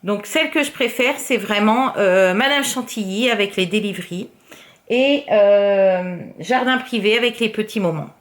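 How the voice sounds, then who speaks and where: A woman vlogger in casual show-and-tell chat, talking her way through her crafts with many fillers and the odd soft murmur. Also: medium pitch, a little slow. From France. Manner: chatty, filler-heavy, often drops to a soft murmur.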